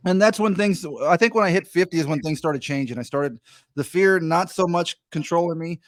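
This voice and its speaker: Easygoing man in his fifties. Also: a little high. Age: 50s. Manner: easygoing, joking, asks quick questions. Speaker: podcast host. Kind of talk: casual interview chat.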